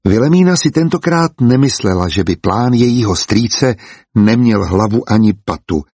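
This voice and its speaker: Male audiobook narrator, husky, measured, dry studio sound. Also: on the low side, no echo. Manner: calm, measured storytelling.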